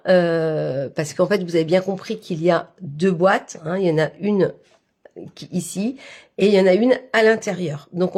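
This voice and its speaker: A papercraft instructor runs a live-stream craft tutorial with a head cold, so her medium-pitched, darkish voice comes out nasal. She guides viewers through the project one step at a time and leans on plenty of fillers.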